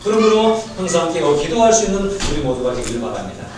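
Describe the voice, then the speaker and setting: A man's voice: fast talker, background noise. Male pastor preaching in an echoey church. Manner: conversational, quizzes the congregation with rhetorical questions; swings between lively raised passages and quiet low asides. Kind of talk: sermon. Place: church sanctuary. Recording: very echoey church, mic far off.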